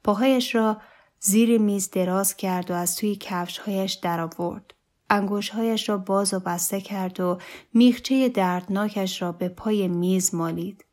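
A woman narrating a literary short story in a calm, measured, deliberate reading. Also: medium pitch.

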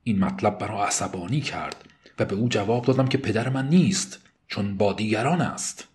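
A man narrating a novel in the first person, in a measured, subdued way. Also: on the low side, a little mellow. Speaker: audiobook narrator.

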